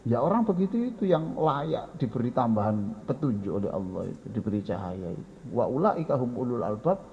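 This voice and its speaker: A man's voice: mid-range voice, sing-song, fairly quick, dull audio, slight background noise. A man with a Javanese accent preaching a folksy sermon and speaking directly to his listeners. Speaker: Islamic preacher.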